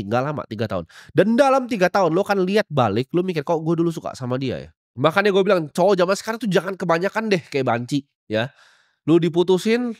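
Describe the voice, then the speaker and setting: A man's voice: fairly high pitch, dry recording, studio quality. A young man delivering a blunt, scolding motivational rant as a podcast host, full of slang and confrontation. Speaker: podcast host giving life advice.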